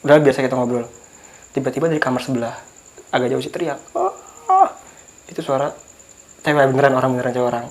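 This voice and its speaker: A young man telling a personal story in a casual chat, animated and quick to laugh. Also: mid-range voice. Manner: fast, animated, laughs often and acts out voices. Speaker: guest storyteller.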